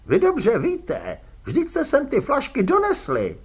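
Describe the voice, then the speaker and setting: A man reading an audiobook, voicing a frightened, cowardly male prisoner who pleads in a shrill, desperate voice. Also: wildly swooping pitch, breathy edge, full character voice. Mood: accusing.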